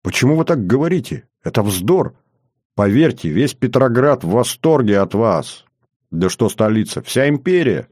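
A man's voice: mid-range voice, very animated, normal speed, darkish tone, no room sound, studio quality, pitched above the performer's own voice. A man voicing a shy, anxious young grand duchess in an audiobook, speaking timidly and pleadingly. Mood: urgent. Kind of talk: audiobook character reading.

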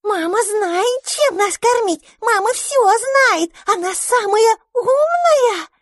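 A woman voicing a brood of newborn baby mermaids who cling and beg, in a shrill piping voice. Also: expressive, slow pace, no room sound, clean studio sound, heavily acted. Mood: squealing, pleading. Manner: shrill high piping chorus, pleading.

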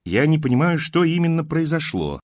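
A man's voice: on the high side, sing-song, a little fast, a little mellow, dry recording, voice pushed up. A man voicing a polite, puzzled man who asks careful questions in an audiobook.

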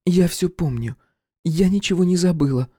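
A man reading an audiobook, voicing a sharp-tongued young woman who is the hero's ex. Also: high-pitched, moderate pace, husky, no echo, clean studio sound, pitched above the performer's own voice. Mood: pleading. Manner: snippy, hissing.

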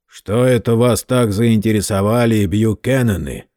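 Man playing a slow, coolly menacing lawyer. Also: on the low side, warm tone, no room sound, studio quality, natural voice. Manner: slow deliberate polite menace. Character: big suave menacing male lawyer, cold and polite.

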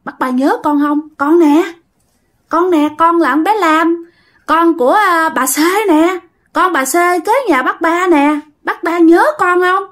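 A woman's voice: very high voice, unhurried, a bit bright, voice pushed up. A woman with a Southern Vietnamese accent voicing the ghost of a young girl who pleads and then threatens, repeating herself. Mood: pleading.

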